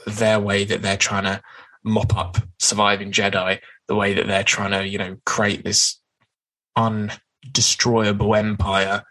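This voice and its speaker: A man's voice: fairly low pitch, level tone, unhurried, pushed and bright, rough recording. A man co-hosting a podcast, chatting casually about comics with frequent fillers. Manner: chatty, with many fillers and hedges. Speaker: podcast co-host.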